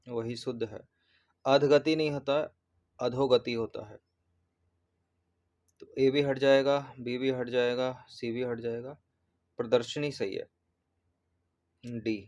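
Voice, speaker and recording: A man's voice: medium pitch, darkish tone. A man, an exam prep teacher who goes through test answers and patiently repeats and corrects spellings.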